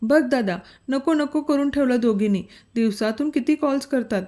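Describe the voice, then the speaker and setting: A woman's voice: high voice, moderate pace, mellow, natural voice. A woman voicing a cheeky, chatty young girl living in a hostel. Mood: teasing. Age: young adult. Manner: teasing, chatty.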